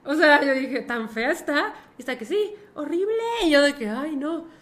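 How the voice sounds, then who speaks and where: A woman's voice: sits high, lively intonation, moderate pace, fairly bright tone. Chatty Mexican woman co-host. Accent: Mexican Spanish. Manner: chatty, frequent "ajá" backchannels. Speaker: podcast co-host. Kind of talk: casual chat, storytelling.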